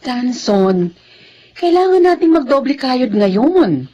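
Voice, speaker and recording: High-pitched, reproachful Filipino wife. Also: female voice, big pitch swings, slow pace, warm tone, dull audio, full character voice. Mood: frustrated, reproachful. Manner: nagging, reproachful. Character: fed-up, struggling wife and mother, reproachful. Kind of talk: Filipino television drama acting.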